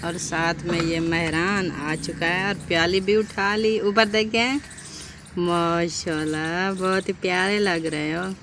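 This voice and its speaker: Pakistani woman, low and slow, coaxing home chat, noisy outdoor recording. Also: fairly even intonation, a bit bright. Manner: slow, homely, coaxing with a child. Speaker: family member in vlog. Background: crows and outdoor ambience.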